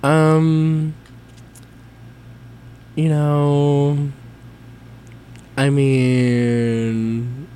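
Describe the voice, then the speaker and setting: A man's voice: fairly high pitch, level tone, drawn-out words, long pauses, warm tone, a little hiss or hum. A nineteen-year-old man chatting casually with college friends, hesitant and full of ums, laughing often. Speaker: guest being interviewed.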